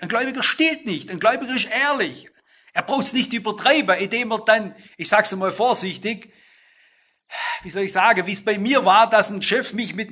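A middle-aged man preaching a sermon, speaking straight to the congregation and slowing down to stress key phrases. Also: sits high, sharp tone, breathy edge. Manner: addresses listeners directly, emphatic with slow stressed phrases.

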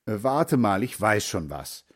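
Storybook: man voices deaf old grandfather, kindly, loud and slow, lively pitch. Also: full character voice. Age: older. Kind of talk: storybook reading.

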